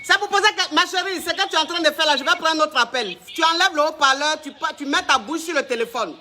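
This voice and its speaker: Very high, bright flamboyant comic man. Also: a little hiss or hum. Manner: flamboyant, teasing, calls callers "ma chérie"; halting mock-pompous English. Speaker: self-styled coach taking calls. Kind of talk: comic call-in show.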